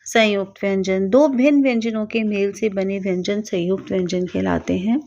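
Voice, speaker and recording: A woman teaching a grammar lesson, reading out example words slowly and carefully, one at a time. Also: mid-range voice, steady tone, vocal fry, mellow. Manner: slow, careful, spells out each example word. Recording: dull lo-fi recording.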